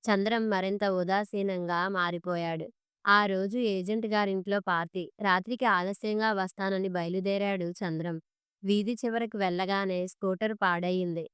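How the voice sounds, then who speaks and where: A woman storyteller reading a story in a steady, measured way. Her voice is exceptionally clear and stays fairly flat in pitch. The recording is dry and close, with no room sound. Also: dry recording. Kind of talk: scripted story narration.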